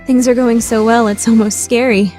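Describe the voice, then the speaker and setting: In an anime-style radio play, a woman plays a proud, scheming young lady student, theatrical and easily flustered, swinging between haughty plotting and flustered outbursts. Her voice sits on the high side with little pitch movement, a darkish tone and normal speed, lightly acted over soft background music.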